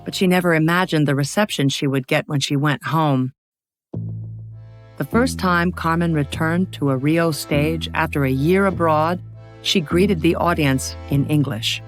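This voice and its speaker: With faint music playing behind her, a woman narrates a scripted children's biography in an expressive, dramatic storytelling style. Her voice is low-pitched and her pace a little slow.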